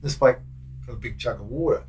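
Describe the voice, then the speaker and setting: Older man, Australian accent, former prison guard, rambling storyteller, average pitch. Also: quick pace, darkish tone, a little hiss or hum, poor audio. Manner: rambling, broken anecdotes with many restarts. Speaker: guest, former prison officer. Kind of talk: casual recollection.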